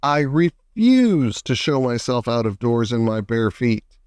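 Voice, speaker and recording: A man voicing a bossy, irritable male centipede in a children's storybook, loud and complaining. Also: mid-range voice, big pitch swings, unhurried, smooth, no echo, clean studio sound. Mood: stubborn.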